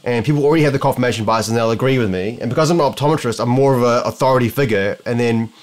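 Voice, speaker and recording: A young New Zealand optometrist vlogger talks rapid-fire in a mid-range voice to a camera just in front of him in his home living room. His casual musings ramble along, breaking off and restarting often as he works through his thoughts.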